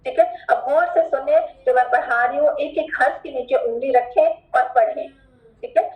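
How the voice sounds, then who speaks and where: A woman with a high voice leads a recitation class and firmly asks her students to pay attention. She repeats each word slowly and stretches it out to show how it should sound. The room is noticeably echoey. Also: narrow, tinny audio. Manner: instructive, repeats words slowly drawn out as examples. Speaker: Quran recitation teacher. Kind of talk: online class instruction.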